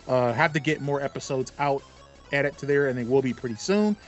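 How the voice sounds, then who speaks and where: A thirties-aged man co-hosts a podcast, chatting casually and acting out his thoughts in a medium-pitched voice at a slightly fast pace, with faint music behind him. He's indoors in a small home room lined with acoustic foam. The recording sounds a bit dull and band-limited.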